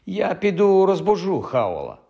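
A man's voice: high voice, huge pitch swings, a little slow, creaky, warm tone, highs cut off, pitched above the performer's own voice, heavily acted. A man voicing an anxious, polite young woman who pleads and calls out urgently. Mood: pleading.

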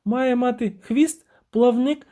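A man doing a shrill singsong sea siren. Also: slow pace, mellow. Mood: indignant. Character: haughty indignant young female siren.

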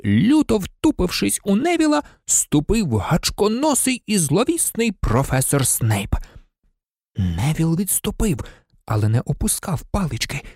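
Expressive book narration, lively pitch swings, dry close sound, mid pitch. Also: no room sound. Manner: animated, shifting pitch for drama. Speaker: audiobook reader.

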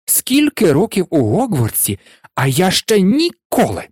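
A man's voice: on the high side, wildly swooping pitch, unhurried, a little mellow, dry recording, clean studio sound, pitched above the performer's own voice, exaggerated voice. A man voicing a strict older woman professor in a storybook reading, scolding and shocked.

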